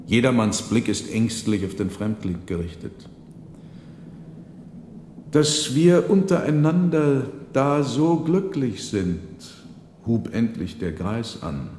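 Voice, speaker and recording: Slow, low-voiced male narrator. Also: darkish tone. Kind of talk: scripted literary reading for radio. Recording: roomy with long reverb, faint noise.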